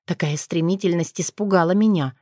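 A woman narrating a first-person fantasy audiobook, expressive and lifting her voice for the heroine's lines. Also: on the low side, a little fast, no echo, studio quality.

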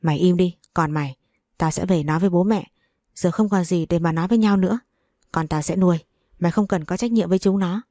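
A woman's voice: on the low side, fast, mellow, no echo, studio quality, natural voice. A woman voicing a furious, betrayed wife who curses and scolds harshly.

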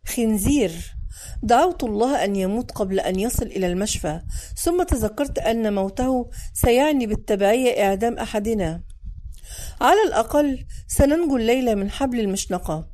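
A woman reading a first-person novel aloud, dramatic and expressive. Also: a little high, a little fast. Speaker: audiobook narrator. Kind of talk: first-person audiobook narration.

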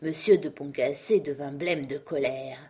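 A woman narrating a classic novel aloud in a measured, expressive reading. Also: low-pitched, breathy edge.

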